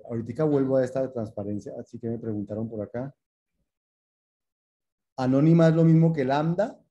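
A man's voice: fairly high pitch, mellow. A man teaching a programming class, explaining patiently and repeating himself, checking in with students while he types code live. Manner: patient, repetitive explaining with rhetorical check-ins; addresses students formally, thinks aloud while typing. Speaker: programming lecturer. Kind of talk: lecture with live coding.

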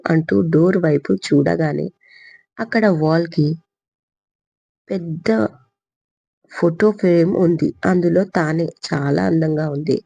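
A woman narrating her own written story in a steady storytelling manner. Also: deep voice, gravelly, slightly rough, no echo. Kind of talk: scripted narration. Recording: dull lo-fi recording.

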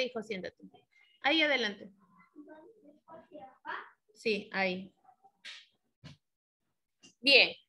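Slow, bright-voiced Peruvian teacher woman. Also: a little high. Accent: Peruvian Spanish. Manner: slow, patient, asks the class questions. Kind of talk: classroom lesson. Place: classroom.

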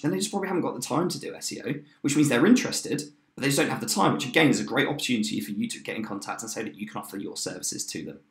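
A man in his thirties giving an upbeat, chatty screen-share walkthrough of a software tool, with fillers and quick restarts. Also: medium pitch. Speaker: software demo presenter. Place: indoor room, webcam in corner of screen share. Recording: roomy echo.

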